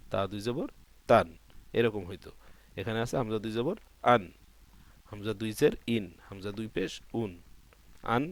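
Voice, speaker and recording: A man with a fairly low voice and a Bangladeshi Bengali accent teaches Quran reading. He walks through each rule step by step, repeating the letter sounds slowly so students can follow. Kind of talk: patient spoken lesson.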